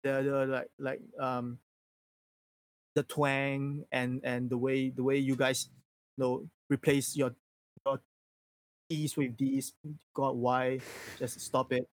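This Singapore-born native Mandarin speaker, with his Singaporean accent, talks candidly and animatedly in a casual livestream chat. He speaks slowly in a mid-range voice, pausing often, and the audio quality is poor.

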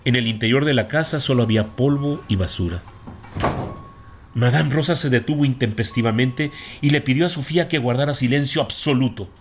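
A man giving a measured, dramatic scripted narration of a horror story. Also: medium pitch, slight background noise.

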